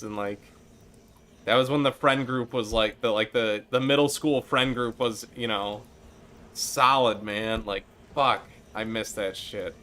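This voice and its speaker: A young guy with a Midwestern American accent streams a game and chats about it casually and nostalgically, tossing in occasional swears and laughs. His voice is medium-pitched and a bit bright.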